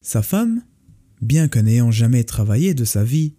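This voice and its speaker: A man narrating a folk tale in a calm, measured way. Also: medium pitch. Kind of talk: storybook narration. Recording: faint music behind the voice. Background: faint music.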